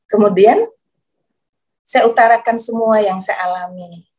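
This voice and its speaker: A woman's voice: mid-range voice, fairly even intonation, unhurried, darkish tone. A woman giving a personal testimony in a casual, hesitant way, repeating herself and searching for words, growing emotional as she speaks. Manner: emotional, voice rises when moved. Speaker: guest giving a conversion testimony.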